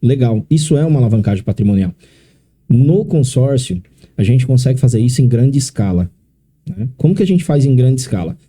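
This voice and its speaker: A middle-aged man with a São Paulo accent explains things to an interviewer, taking them step by step and often adding tag questions. His voice is deep and dark, and its pitch sits in the middle. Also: lively intonation, brisk, slight background noise. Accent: São Paulo Portuguese. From São Paulo, Brazil. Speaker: consórcio specialist guest.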